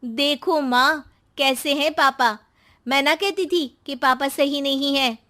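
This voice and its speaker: Lady doing a scheming greedy daughter in a moral story, really high voice, pushy and full of hints. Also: slow pace, bright, forceful tone, heavily acted. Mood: insinuating. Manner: insistent, insinuating. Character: scheming, greedy young daughter poisoning her family.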